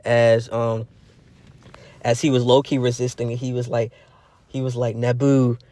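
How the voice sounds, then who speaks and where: A young man telling a fan-made story off the cuff, rambling and restarting as he goes. His voice sits at an ordinary male pitch. The sound is dry and close, with no room echo. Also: level tone, measured pace, darkish tone. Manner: rambling, heavy fillers and restarts. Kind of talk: casual improvised storytelling.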